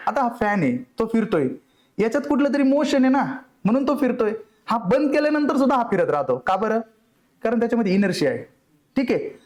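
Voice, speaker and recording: High-voiced man giving an earnest study talk. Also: a little mellow. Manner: earnest, conversational, asks the listeners rhetorical questions. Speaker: exam coaching mentor. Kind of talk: motivational classroom talk.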